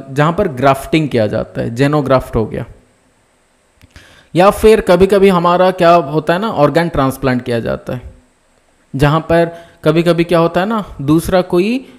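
A man with a high voice teaches a live nursing exam class. He walks through each point step by step, keeps asking whether students follow, and drops terms into his talk. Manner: explains step by step, often checks "ठीक है ना?". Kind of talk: live online class lecture.

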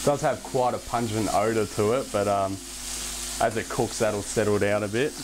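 A young man hosting a casual cooking demonstration in a home kitchen, relaxed and chatty, with self-deprecating asides. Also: fairly low pitch, moderate pace, very noisy. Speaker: cooking show host. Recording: background music under the voice. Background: music and pan sizzling.

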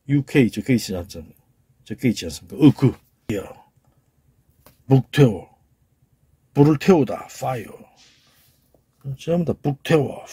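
Animated husky man lecturing with a Gyeongsang accent. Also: mid-range voice, no room sound. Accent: Gyeongsang Korean. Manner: emphatic, repeats key words, sounds words out. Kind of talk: informal lecture.

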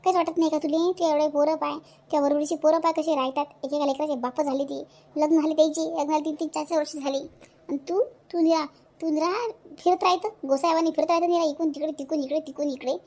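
Nagging and berating her idle grown son with fury, this high-pitched cartoon mother is a fierce, middle-aged widow at the end of her patience, voiced by a woman. She scolds sharply in a broad Vidarbha Marathi accent at a quick pace, with fairly even intonation.

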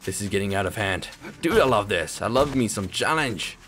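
A man giving excitable let's play commentary, swearing often and talking to himself and the game as he plays. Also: on the low side, moderate pace, noisy background. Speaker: gaming channel host. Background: game music.

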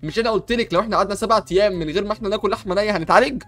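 A man's voice: sits high, rapid-fire, fairly bright tone, faint music behind. A young man with an Egyptian Arabic accent, hosting an improvised game role-play with comic panic and bluster.

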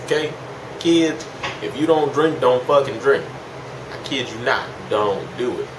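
A man's voice: medium pitch, animated, measured pace. A man of twenty-one, tipsy and rambling, in a casual, swearing, slangy confessional chat. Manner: heavily profane, slangy. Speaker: vlogger. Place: small indoor room at home. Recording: echoey room with clear background hiss.

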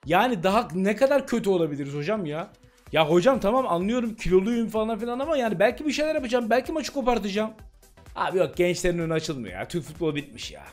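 A man's voice: high voice, animated, fast talker, faint music behind. A young man giving casual, exasperated commentary while playing a football game, ranting at his coach. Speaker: gaming YouTuber.

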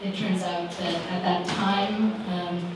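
A woman's voice: fairly low pitch, level tone, slow pace. Woman author answering, roomy and distant. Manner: thoughtful, many fillers and restarts. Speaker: author on a panel. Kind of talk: panel Q&A answer. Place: living room with small audience. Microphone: handheld microphone. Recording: roomy sound from far camera, background noise.

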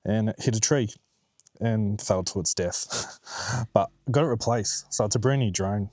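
A man's voice: fairly low pitch, moderate pace, a little mellow, no room sound. Laid-back Australian man chatting outdoors. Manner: laid-back, chatty, laughs often, swears casually. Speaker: vlogger. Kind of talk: casual outdoor vlog chat. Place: outdoors by a quiet plantation road.

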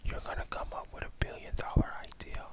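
A young adult man whispers a reassuring ASMR pep talk of affirmations straight to the listener, close on a headset microphone. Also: fast. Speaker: ASMR host. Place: indoors, small room at home. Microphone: headset microphone close to the mouth.

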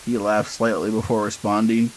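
A man with a low voice narrates a horror tale in a measured, deliberate reading. His delivery is steady and unhurried, built for a spoken story. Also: poor audio.

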